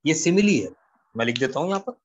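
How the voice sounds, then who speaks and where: A man giving a poetry lesson, explaining slowly and repeating key lines while switching between Hindi-Urdu and English. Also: on the high side, lively intonation, husky, lo-fi sound. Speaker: English literature teacher. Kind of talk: classroom-style poetry lecture.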